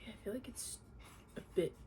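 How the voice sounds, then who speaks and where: A young beauty vlogger chats casually through a makeup tutorial at home, her voice congested and nasal from a cold. She talks a little fast in a relaxed, chatty way, with plenty of fillers, and the recording is very noisy.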